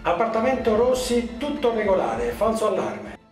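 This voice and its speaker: A man's voice: high-pitched, normal speed, echoey room, loud music behind the voice. A man speaking as a security guard over a walkie talkie, in terse call-and-reply phrases.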